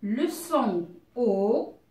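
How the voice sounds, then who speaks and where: Patient woman teacher for beginner reading drills, slow and deliberate, in an echoey room. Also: fairly high pitch, expressive, dark tone, recorded from a distance. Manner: patient, explains each step, asks herself questions aloud; draws out words slowly and clearly.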